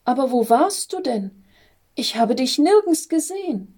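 A woman voicing a small, eager boy angel in a storybook reading, with high, bright calls. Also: steady tone, slow. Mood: wondering.

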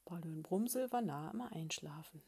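A woman reading a children's story aloud in a calm, gentle, soft-spoken way, speaking to young listeners. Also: deep voice, normal speed, gravelly, slightly rough.

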